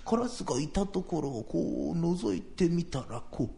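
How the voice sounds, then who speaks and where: A man voicing a proud, solemn old retired samurai, telling a story slowly and gravely in traditional comic storytelling. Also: fairly high pitch, animated, warm tone. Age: older.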